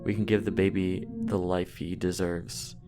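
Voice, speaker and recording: A man voicing a calm, murderous mother in a horror story reading, speaking nonchalantly with quiet menace. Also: low voice, normal speed. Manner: nonchalant, soft-spoken menace. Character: cold, calm murderous mother, middle-aged woman. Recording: music playing underneath.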